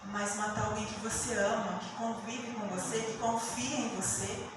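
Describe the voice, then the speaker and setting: A woman preaching a sermon with emotive storytelling, dropping to a hush and then rising loud again. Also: medium pitch, fairly even intonation, normal speed. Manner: emotive storytelling, swinging between hushed and loud. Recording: echoey hall from far off with room noise.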